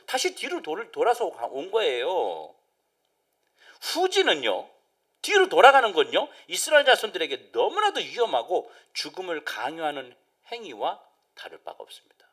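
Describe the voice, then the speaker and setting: A man's voice: high voice, a bit bright. A male pastor preaching a midweek sermon, acting out voices of the crowd and dropping at times to a near-whisper. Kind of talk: Wednesday service sermon.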